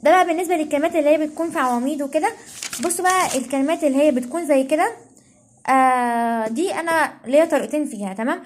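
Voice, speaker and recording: A woman's voice: sits high, very fast. A young woman with an Egyptian Arabic accent giving casual study tips as a tutor while writing, checking in with "okay?" constantly and correcting herself as she goes.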